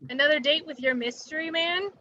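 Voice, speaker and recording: A woman's voice: sits high, a little fast, bright, forceful tone, no echo, dull audio. A woman reading a sweet, naive small-town woman who speaks with earnest innocence in an amateur sitcom table read. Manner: earnest, guileless.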